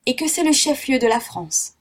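A woman playing an excitable French geographer. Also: high-pitched, normal speed, voice pushed up. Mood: excited. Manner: exclamatory, theatrical outbursts. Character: excitable middle-aged male French geographer.

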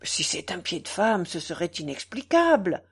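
A woman reading aloud, voicing a grown male gentleman who questions what he hears. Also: lowish voice, big pitch swings, normal speed, husky, full character voice. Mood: skeptical.

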